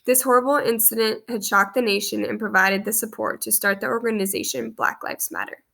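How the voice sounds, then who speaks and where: A woman in her twenties with a stuffy cold earnestly reads her class presentation to a close-range webcam in a small room. Her medium-pitched voice is gravelly and fairly bright, with lively intonation and a slightly quick pace.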